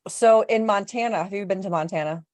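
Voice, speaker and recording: A woman's voice: medium pitch, darkish tone, no room sound. A woman hosting a podcast, chatting casually with her guest in a playful way. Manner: playful, quick to laugh. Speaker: podcast host. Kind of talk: casual chat.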